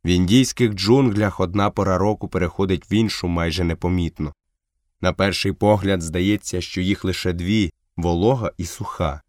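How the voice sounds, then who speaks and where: A man reading a story aloud in a calm, measured narration. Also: deep voice, no room sound, clean studio sound. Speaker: audiobook reader. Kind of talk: scripted narration.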